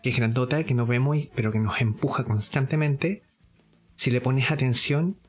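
A man giving a spoken lesson, explaining step by step, often pausing on fillers, repeating himself and checking that listeners follow. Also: medium pitch, husky, faint music behind. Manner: deliberate, explaining step by step with frequent checks for understanding; hesitant fillers and self-repeats. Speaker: course teacher.

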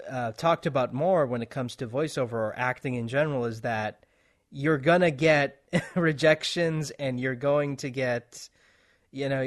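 Easygoing man hosting an interview. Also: mid-range voice. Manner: loose, rambling, lots of fillers, laughs often. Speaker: podcast host, interviewer. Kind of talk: casual interview chat.

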